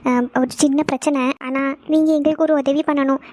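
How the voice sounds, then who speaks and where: [name], a woman doing a gentle pleading young woman. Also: high-pitched, little pitch movement, a little fast, no room sound, natural voice. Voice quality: soft and pleading. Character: gentle, tearful young bride-to-be, peacemaking. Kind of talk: cartoon voice acting.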